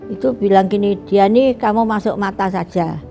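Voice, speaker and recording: Older woman, mellow and unhurried. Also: mid-range voice, gravelly, faint music behind. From Bali, Indonesia. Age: 70s. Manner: unhurried, reflective, with many pauses and restarts. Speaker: retired eye doctor and professor. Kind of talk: recorded interview, personal reminiscence.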